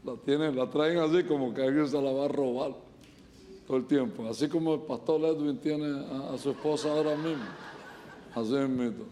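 A man's voice: mid-range voice, steady tone, dark tone, slight background noise. A middle-aged man from Puerto Rico with a Puerto Rican accent, preaching a humorous sermon at a church service, full of jokes and stories. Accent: Puerto Rican Spanish. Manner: joking, storytelling, quick asides. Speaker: pastor.

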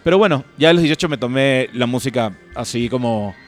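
A man's voice: medium pitch, fairly quick, faint music behind. Young man. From Guayaquil, Ecuador. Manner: relaxed, rambling with many fillers. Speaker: musician and producer guest. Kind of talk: casual interview chat.

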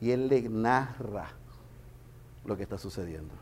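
A man preaching a sermon with passion, swinging between loud emphasis and hushed storytelling. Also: lowish voice, expressive, unhurried, a little hiss or hum. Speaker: pastor.

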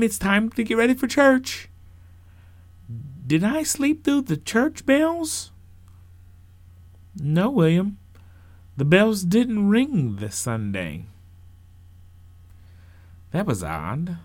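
A man narrating a first-person story in an unhurried, expressive storytelling manner. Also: mid-range voice, no room sound.

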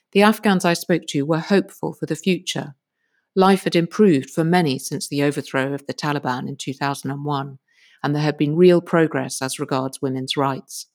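A woman host giving scripted narration in a measured, serious way. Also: low-pitched, darkish tone. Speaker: podcast host.

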